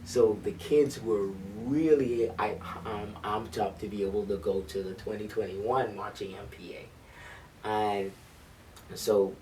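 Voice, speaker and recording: Interviewed in a library, a man who leads a school band chats enthusiastically, frequently stumbling over ums and starting sentences again. His voice is fairly low and darkish, and the rough recording was made from a distance with slight background noise.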